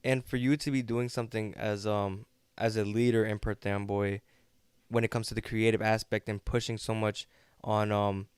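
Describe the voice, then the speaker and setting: Male host with a smooth low voice, hesitant interviewer. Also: little pitch movement, normal speed, no room sound. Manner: hesitant questions with fillers. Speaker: podcast host. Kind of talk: casual interview.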